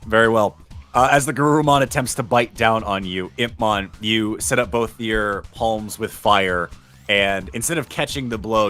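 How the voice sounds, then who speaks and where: Low-voiced male game master over music. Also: a bit bright. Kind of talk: narrating a tabletop role-playing game.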